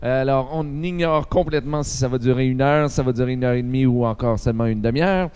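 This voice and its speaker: A man's voice: medium pitch, quick pace, a little mellow, smooth. A man co-hosting a radio show, chatting casually with frequent hesitations and laughs. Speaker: radio co-host.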